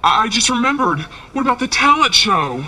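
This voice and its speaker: Worried teenage girl, bright forceful voice. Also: fairly high pitch, very animated, a little fast, full character voice. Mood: dismayed. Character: dismayed, earnest teenage girl singer with a wrong voice. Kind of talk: TV teen drama acting.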